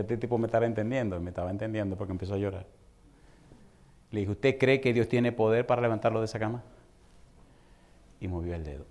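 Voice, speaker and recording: A man preaching a sermon as pastor, telling a story and swinging from low murmurs to loud, high outbursts. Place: church.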